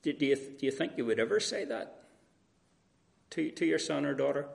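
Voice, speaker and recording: A man's voice: a little high, animated, moderate pace, creaky. A man preaching an earnest, conversational sermon, often restarting his phrases.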